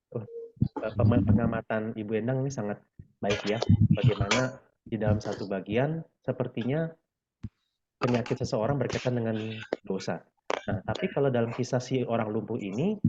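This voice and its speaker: A man leading a Bible study, patiently explaining scripture to group members and filling pauses with "eh". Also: on the low side, muffled recording, noisy background. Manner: patient, explanatory, frequent fillers.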